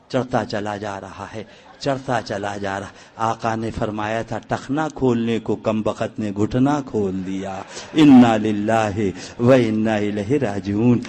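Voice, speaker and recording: Man, middle-aged, from India, preacher, fiery storytelling, mid-pitched, voices for characters, mocking humor. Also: darkish tone. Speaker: religious preacher. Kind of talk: fiery religious speech with storytelling.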